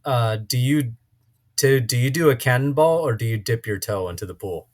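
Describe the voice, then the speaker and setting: A man hosting a podcast, upbeat and casual, asking playful quick-fire questions. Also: medium pitch. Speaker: podcast host.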